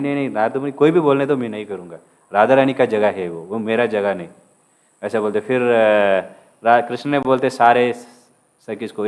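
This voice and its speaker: A man giving a sermon as a casual story, acting out the lines of its figures and mixing English words into his speech. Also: medium pitch. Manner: mixes English words into Hindi. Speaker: preacher telling a devotional story.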